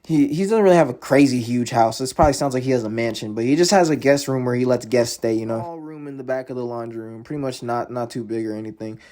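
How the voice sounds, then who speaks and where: A man's voice: medium pitch, fast, few pauses, darkish tone. A young man telling a casual storytime vlog in a laid-back, slangy, rambling way, full of fillers. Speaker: vlogger.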